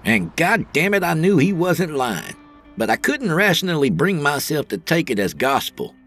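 A man narrates an audio drama in a wry, colloquial way. His pitch moves in lively swings, and his voice has a slightly husky grain. Faint music runs beneath him. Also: normal speed.

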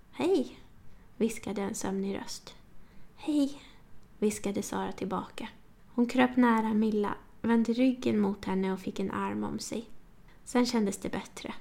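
A woman narrating an audiobook in a calm, even storytelling manner. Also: medium pitch, creaky. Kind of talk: scripted narration.

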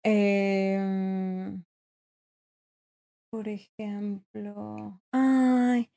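Slow-talking Mexican woman, laid-back. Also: medium pitch, vocal fry. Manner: relaxed, laughing, slangy. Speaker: podcast co-host. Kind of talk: casual chat.

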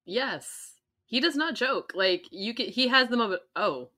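Woman, podcast co-host, casual chat, excitable, pitch swooping all over. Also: measured pace. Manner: animated, excitable.

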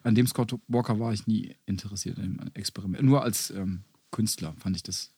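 A man with a somewhat husky voice chats on a podcast, hesitant and full of fillers and self-corrections. The recording is dry and close to the mic. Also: lowish voice, normal speed, warm tone, no room sound. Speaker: podcast co-host. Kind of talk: casual chat.

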